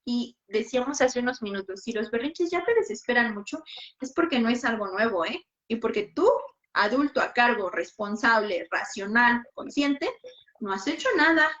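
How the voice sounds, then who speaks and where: A woman's voice: fairly high pitch, animated, normal speed, fairly bright tone. A woman hosting a parenting advice talk, speaking directly and animatedly, sometimes acting out little scenes. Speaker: host. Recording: dull lo-fi sound.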